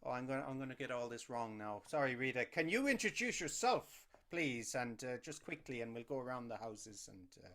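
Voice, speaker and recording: A man moderates a casual online panel in a middle-pitched voice. He is hesitant and a little apologetic, rambling as he hands over to the participants. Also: big pitch swings, fairly quick, few pauses, bright, forceful tone. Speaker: host and moderator.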